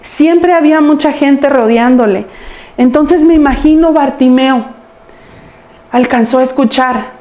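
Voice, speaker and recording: Woman, high-pitched, earnest preaching, echoey church. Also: unhurried, a little mellow. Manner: earnest storytelling preaching, addressing the congregation. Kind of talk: sermon. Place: church sanctuary.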